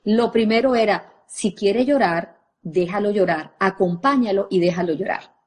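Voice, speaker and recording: Woman, parenting coach, talks to an audience, expressive, husky. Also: medium pitch, normal speed. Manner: expressive, addresses the audience directly. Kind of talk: live talk to an audience.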